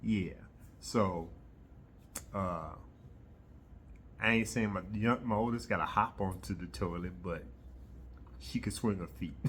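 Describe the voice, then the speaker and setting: A middle-aged man chatting casually to his viewers in a rambling, halting way, often pausing mid-sentence. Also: low voice, a bit bright, a little hiss or hum. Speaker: host of a hobby video channel. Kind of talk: casual rambling vlog chat.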